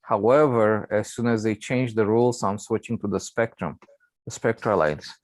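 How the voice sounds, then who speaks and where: A man's voice: on the low side, steady tone, normal speed, no echo. A man talking casually as a guest on a hangout, explaining technical details in a tentative way. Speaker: hobbyist guest on a video hangout.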